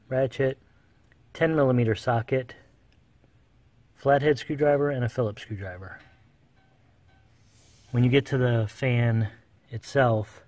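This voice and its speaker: A man with a mid-range, slightly mellow voice talks plainly and unhurriedly as he works with tools under a dashboard, giving a casual step-by-step car repair demonstration. The recording has no echo, and he comes across as a car repair how-to presenter.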